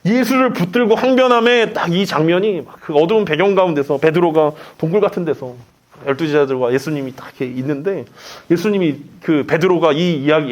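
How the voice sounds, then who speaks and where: Brief: lively male preacher, higher pitch, dramatic storytelling delivery. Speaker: pastor. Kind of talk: sermon.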